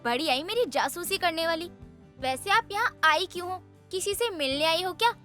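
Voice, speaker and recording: A woman voicing a blunt, sassy young woman in an animated story, with quick retorts. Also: extremely high pitch, faint music behind, full character voice. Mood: snappy. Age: young adult.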